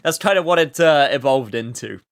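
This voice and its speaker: A man's voice: mid-range voice, expressive, moderate pace. A man live streaming, chatting casually with his audience.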